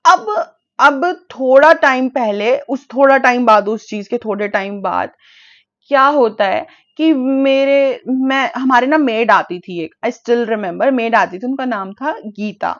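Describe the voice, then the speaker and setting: A young woman with a high, bright-sounding voice tells a personal story in a loose, animated way. She slips between Hindi and English, full of fillers and restarts. The audio is a bit dull and lo-fi. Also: slow pace. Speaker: vlogger. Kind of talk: casual storytime.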